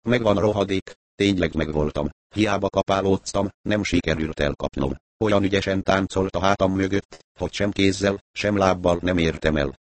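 A man reading a first-person mystery story aloud, in measured storytelling narration. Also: sits low, fairly even intonation, no echo. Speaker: audiobook narrator.

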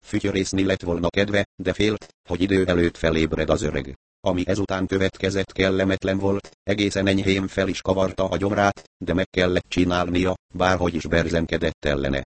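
A man narrating an audiobook in an even, measured reading. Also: sits low.

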